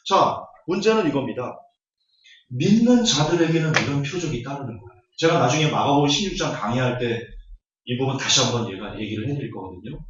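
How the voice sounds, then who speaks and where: A man's voice: mid-range voice, animated, a little fast. A man preaching a Bible lecture, scornful and full of rhetorical questions. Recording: echoey hall, distant, dull audio.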